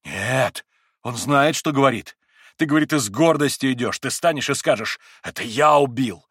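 Мужчина читает лихорадочного, измученного Ивана. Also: male voice, mid-range voice, normal speed, fairly bright tone, husky, dry recording, studio quality. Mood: agitated. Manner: agitated, rising to anguished outbursts. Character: feverish tormented young man, proud, brooding brother. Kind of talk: audiobook character reading.

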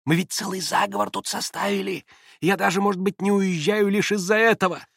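A man reading aloud and voicing an excitable, effusive middle-aged society lady who talks in breathless exclamations. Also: high voice, fairly quick, gravelly, husky, no room sound, studio quality, voice pushed up, heavily acted. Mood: gushing.

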